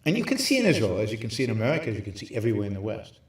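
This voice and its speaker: A man hosting a livestream, lecturing emphatically from a hotel room with very high ceilings, his voice carrying a hollow cave-like echo. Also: wildly swooping pitch, very fast. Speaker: show host. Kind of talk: livestream talk on philosophy.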